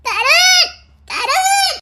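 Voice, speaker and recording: A woman's voice: very high voice, unhurried, fairly bright tone. A woman with a Tirunelveli accent playing a heartbroken young woman who pleads tearfully with her lover. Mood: pleading, tearful. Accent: Tirunelveli Tamil. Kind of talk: comedy skit drama.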